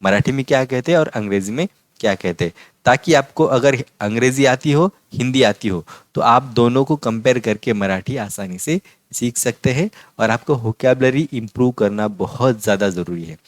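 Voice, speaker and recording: A man teaching a vocabulary lesson, patiently repeating each word slowly. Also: medium pitch, no room sound. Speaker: language teacher.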